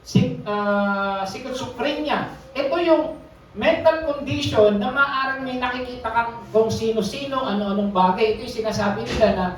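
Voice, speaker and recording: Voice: mid-range voice, moderate pace. Filipino preacher, Sunday sermon, reads verses and explains them, engages the congregation, heard from a distant mic. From Philippines. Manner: interactive, often checks in with the congregation. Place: church service hall. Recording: echoey hall, distant mic, faint noise.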